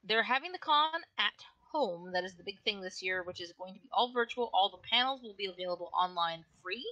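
Lively, bright-voiced woman gamer. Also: mid-range voice, fairly quick, lo-fi sound. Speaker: tabletop game player. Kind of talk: casual chat on a livestream.

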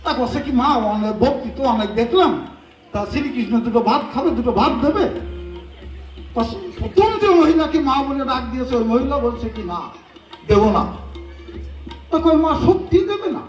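A man's voice: very high voice, moderate pace, pauses often, echoey room, recorded from a distance, soft background music. A man with a Bengali accent telling a devotional folk story on stage, acting out each character's dialogue. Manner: animated, switches voices for quoted characters. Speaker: kobi gaan performer. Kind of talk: sung storytelling with acted dialogue.

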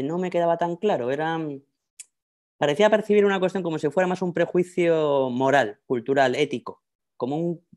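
This Madrid-born academic, a middle-aged man and researcher on a panel, talks conversationally at medium pitch with the accent of his city. Tag questions like "¿no?" pop up constantly. He joins the video call from a book-lined room indoors through a wired earphone headset mic.

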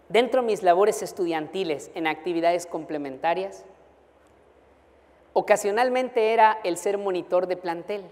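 A man who is a pastor, telling a humorous, animated story during a sermon to students. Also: high-pitched, unhurried, pauses often. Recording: long hall reverb.

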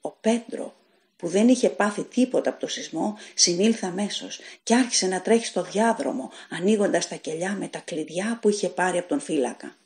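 A woman narrating a short story as an audiobook reader, in a measured, dramatic storytelling manner. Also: on the low side. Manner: measured, dramatic storytelling that voices characters' shouts.

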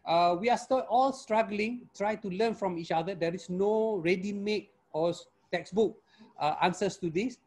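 An older man speaks in an academic panel over an earphone mic on a video call. His voice sits a little high for a man. He talks haltingly, filling gaps and tagging his points with quick questions. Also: darkish tone. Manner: hesitant, many fillers and tag questions. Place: home room with virtual background.

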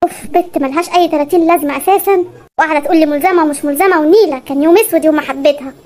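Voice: sits high, very fast, darkish tone, lightly acted. A performer voicing an exasperated young man in an Egyptian cartoon sketch, speaking with an Egyptian accent and grumbling sarcastically. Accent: Egyptian Arabic. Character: exasperated young man, put-upon fiancé. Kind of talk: animated comedy sketch.

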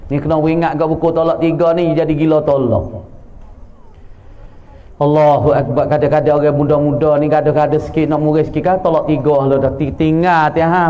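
High-voiced preacher with Patani Malay accent. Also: male voice, warm tone, dull audio. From southern Thailand. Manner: storytelling, acts out quoted voices, teasing. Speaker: religious teacher. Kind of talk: mosque sermon. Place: mosque.

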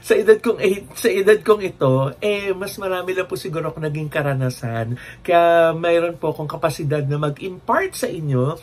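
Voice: medium pitch, normal speed. A vlogger giving breakup advice in a casual, playful, campy way, with joking asides and talking straight to the viewer.

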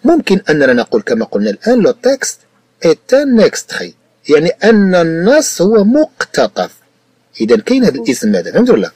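A man's voice: sits high, huge pitch swings, fast talker, darkish tone, breathy edge, no room sound. A man with a Moroccan Arabic accent, teaching a French lesson patiently, repeating points and checking that the student understands. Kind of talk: explanatory tutoring lesson.

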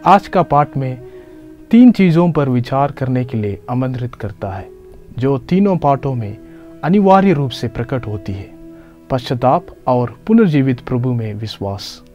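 A man in his thirties, a priest, giving a measured, earnest sermon to the camera. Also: mid-range voice, expressive, muffled recording, faint music behind. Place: in front of a church altar backdrop.

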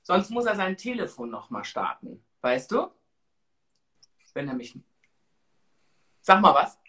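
A woman in her forties hosting a casual live stream, chatting in an expressive, exclamatory way. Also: on the low side, a little slow. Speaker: host of a live-stream talk show. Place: small tiled room indoors.

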